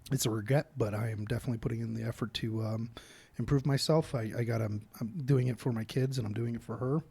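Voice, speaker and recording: A man's voice: medium pitch, steady tone, fast talker, gravelly, darkish tone, breathy edge. A middle-aged father chatting casually with his daughter as co-host, earnest and rambling, with frequent restarts. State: hiccups. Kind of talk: casual chat.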